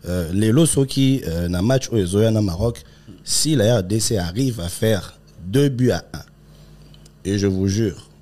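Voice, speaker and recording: A man impersonating a firm, ponderous head of state in a comic mock interview, with a Congolese accent and halting, repetitive phrasing that switches between languages. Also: lowish voice, mellow, close to an everyday voice. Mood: solemn, promising.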